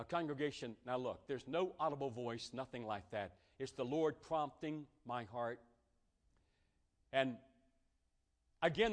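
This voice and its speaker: A male pastor preaching a sermon, telling a personal story and stretching out key phrases for emphasis. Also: mid-range voice.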